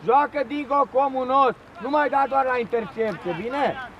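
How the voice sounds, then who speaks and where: A man coaching young football players from the touchline, shouting commanding orders and repeating their names over and over. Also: highs cut off. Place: outdoor football pitch during a match. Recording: noisy outdoor pitch recording.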